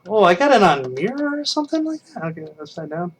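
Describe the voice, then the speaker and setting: This late-thirties streamer talks fast in a high, sing-song voice, casually chatting with viewers through a distant webcam mic that picks up a little hiss or hum. He wanders off topic, pokes fun at himself, and frequently restarts.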